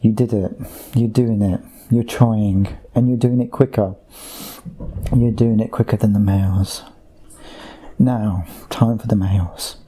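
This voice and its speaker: A man speaking under hypnosis as a channeled voice, slow and repetitive, addressing listeners like a sermon. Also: on the low side, steady tone, warm tone, a little hiss or hum.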